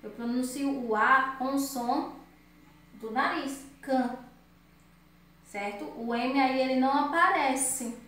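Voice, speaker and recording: A woman teacher giving a grammar lesson to children, drawing out words slowly and with emphasis. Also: high-pitched, pushed and bright. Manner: slow, emphatic word-by-word drilling. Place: room at home. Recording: very echoey room, distant mic.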